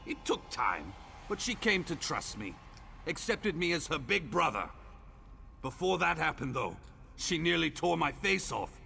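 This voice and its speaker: A welcoming hunter with a bright, gravelly voice that swings high and low as he talks. His game dialogue is effusive and brotherly, with faint music underneath. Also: big pitch swings, unhurried, a little hiss or hum, heavily acted. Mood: storytelling. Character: friendly eager male hunter, warm big brother.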